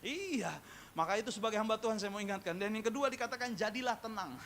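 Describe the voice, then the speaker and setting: A man preaching, with a high voice that has a bright, sharp edge. He weaves jokes and anecdotes into the sermon and keeps calling out to the congregation for amens. A faint hiss sits under the church service recording. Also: expressive, fast. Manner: humorous storytelling, repeatedly addressing the congregation; calls for amen and audience responses. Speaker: pastor. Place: church service, also streamed live.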